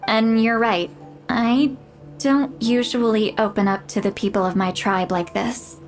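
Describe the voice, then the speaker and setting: Slow-talking, slightly high-voiced game granny of great age: proud, flustered, self-mocking. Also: female voice, fairly even intonation, soft background music. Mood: candid. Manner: flustered, self-deprecating, boastful. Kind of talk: video game voice acting.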